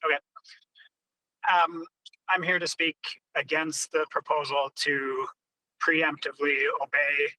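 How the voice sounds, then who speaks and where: A man's voice: fairly high pitch, bright, forceful tone, no room sound. A man calling in on a car hands-free phone while driving, speaking earnestly and directly at a public hearing. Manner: earnest and direct, with some restarts. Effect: car hands-free phone call. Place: in a moving car. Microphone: car hands-free device.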